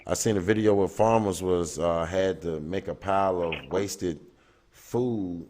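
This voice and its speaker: A man hosting a casual call-in livestream show, talking loosely with many pauses. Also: deep voice, darkish tone. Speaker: livestream talk show host.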